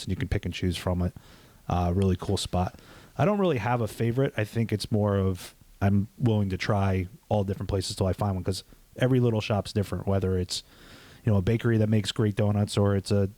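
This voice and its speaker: A man's voice: low-pitched, darkish tone, no room sound. A man from New Jersey, a police officer who is a guest on a podcast, chatting in an easygoing way. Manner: quick, easygoing. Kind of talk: casual interview chat.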